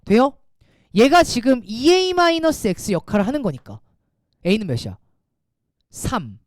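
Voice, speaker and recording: Animated male math teacher, quizzing class. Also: very high-pitched, no echo, clean studio sound. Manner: lively, quizzing students with quick rhetorical questions. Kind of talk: classroom lecture.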